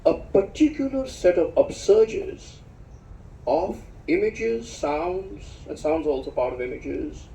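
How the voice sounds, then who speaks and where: A middle-aged man speaking at a book discussion, reflective and searching for words, with dry self-deprecating humor and sharp rises in pitch for emphasis. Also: lively intonation, slow, vocal fry, a little hiss or hum. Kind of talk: spoken lecture at a book discussion. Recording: roomy hall sound from a distant mic.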